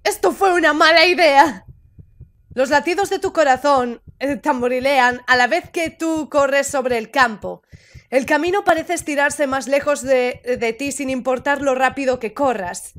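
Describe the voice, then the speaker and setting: A woman hosting a gaming video, reading a visual novel aloud and reacting excitedly with laughs, curses and bursts of English. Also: sits high, moderate pace. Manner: excitable, laughs often, swears and switches into English. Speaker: gaming channel host. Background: faint game music.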